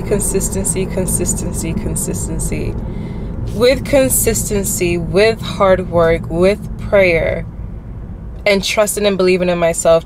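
At night, a young woman records a reflective vlog inside a car with traffic outside, using a dashboard-mounted camera. Her fairly low voice sounds heartfelt and prayerful, and she repeats phrases for emphasis. The recording is rough, with loud road and car noise.

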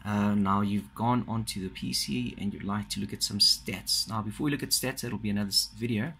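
A man giving a casual, halting walkthrough of a computer system, filmed with a phone pointed at the monitor. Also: on the low side, steady tone, gravelly, sharp tone, slight background noise. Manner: casual, halting, many fillers and restarts. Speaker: software trainer. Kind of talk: screen-recorded software walkthrough. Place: indoors at a desk. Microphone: phone filming a monitor.

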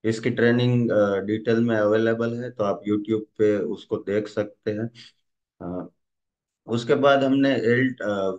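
A man's voice: medium pitch, a little mellow, dull audio. Man lecturing with many "uh" fillers. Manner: explanatory, frequent "uh" fillers and restarts. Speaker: DMIT trainer. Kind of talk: recorded lecture on brain lobes.

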